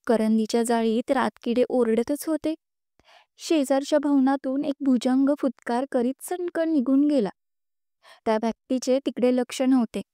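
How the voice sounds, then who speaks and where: A woman storyteller reading a story aloud in an expressive, measured way. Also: sits high, clear, resonant tone, no room sound, studio quality. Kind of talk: storytelling narration.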